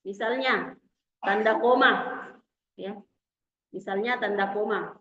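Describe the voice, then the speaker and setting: A woman teaching an Arabic lesson, explaining slowly and repeating key terms. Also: mid-range voice, fairly bright tone, slight background noise. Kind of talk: classroom lecture. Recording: echoey room, dull lo-fi sound.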